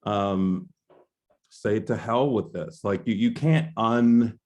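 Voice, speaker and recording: A man moderating a panel discussion on a video call, talking in a searching, halting way with many restarts. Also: lowish voice, a little mellow.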